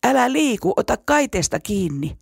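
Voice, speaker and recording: A storyteller voicing a bullying schoolboy who mocks, then shouts in panic. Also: mid-range voice, very animated, no echo, clean studio sound, voice pushed up, natural voice. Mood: panicked. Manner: taunting, raised voice.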